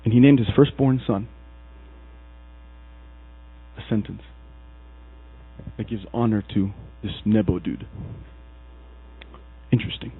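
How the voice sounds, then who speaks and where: A man preaching a sermon in a casual, animated storytelling way, slipping into acted asides. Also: fairly low pitch, normal speed, pauses often, slightly rough. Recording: tinny lo-fi recording with mains hum.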